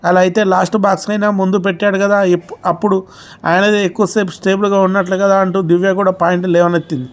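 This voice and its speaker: A man's voice: high voice, level tone, fast talker, highs cut off. A man narrating a recap of a reality show, retelling events in a running storyteller tone with small slips.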